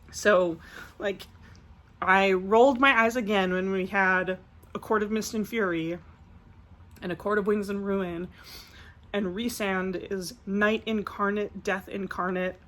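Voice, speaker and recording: Recovering from a cold, a woman book vlogger rambles loosely through her thoughts on books in a casual review vlog, dropping plenty of filler "like"s. Her middle-pitched voice is a bit bright, and she takes her time.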